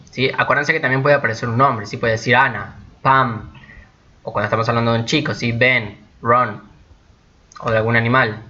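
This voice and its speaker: A man whose first language is Spanish teaching English grammar step by step, often checking in with his students and slowing down to stress each example sentence. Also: mid-range voice, bright, forceful tone. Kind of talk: recorded grammar lesson. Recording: dull lo-fi recording.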